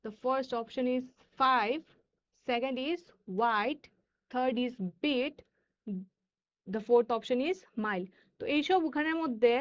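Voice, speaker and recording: A woman English teacher with a Bengali accent and Bengali as her first language, teaching children, reading words slowly and deliberately with quicker asides. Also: high voice, highs cut off. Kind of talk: classroom lesson for children.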